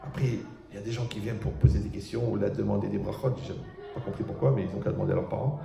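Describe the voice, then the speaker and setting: A man's voice: very fast, creaky, soft background music. A man, a rabbi, giving a humorous religious talk to an audience, telling anecdotes and imitating the people in them. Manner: animated storytelling, mimics people with raised pitch. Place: lecture hall with a live audience. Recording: echoey hall.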